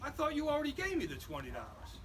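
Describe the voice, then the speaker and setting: A man's voice: very high voice, wildly swooping pitch, fast talker, pitched above the performer's own voice, full character voice. Man doing a cheeky young boy. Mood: sassy. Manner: sassy, wisecracking. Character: cheeky seven-year-old boy, the son. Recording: far mic, loud crowd and noise.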